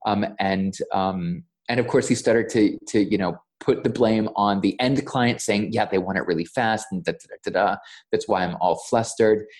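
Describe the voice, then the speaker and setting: A man's voice: lowish voice, moderate pace, darkish tone. A man, a voiceover coach, chatting as a podcast guest and retelling a mishap with lots of stammers and quoted dialogue. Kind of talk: casual interview storytelling.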